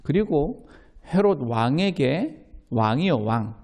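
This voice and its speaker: A male pastor preaches in a relaxed, talking style, asking questions and then answering them. His voice is warm and a little high for a man. He brings quoted lines to life as he tells them. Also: slow. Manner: conversational preaching with rhetorical questions. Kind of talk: sermon.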